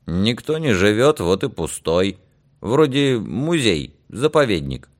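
A man's voice: fairly low pitch, very animated, slow, voice pushed up. A man voicing an easygoing bearded old bar regular in an audiobook, with a lazy, dismissive drawl.

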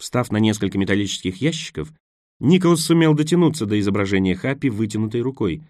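A man narrating an adventure novel as an audiobook, steady and measured. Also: lowish voice, no room sound, clean studio sound. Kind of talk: scripted narration.

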